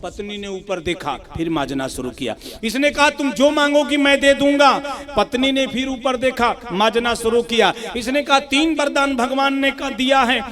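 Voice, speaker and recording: A man's voice: very high voice, moderate pace, hardly any pauses, crowd noise. A man from India preaching a Ram Katha, telling stories with acted dialogue and breaking into sung devotional verses. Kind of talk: devotional storytelling sermon.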